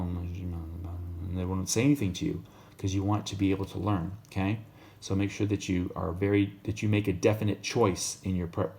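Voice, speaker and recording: Casual man teaching Spanish lessons. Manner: explains slowly, models Spanish phrases in a louder, higher voice.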